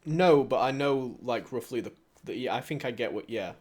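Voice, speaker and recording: A man's voice: mid-range voice, animated, moderate pace, a little mellow. A young man with a Yorkshire accent hosting a casual podcast chat, talking loosely and filling his sentences with "like". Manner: loose and chatty, heavy use of "like". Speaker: podcast host.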